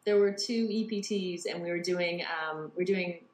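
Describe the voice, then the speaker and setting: A Canadian woman whose accent carries a slight English tinge chats freely as a guest in a casual interview, sprinkling in plenty of "you know" and "like." She's a poker TV presenter with a fairly low, darkish voice at normal speed, recorded in an echoey room with faint noise.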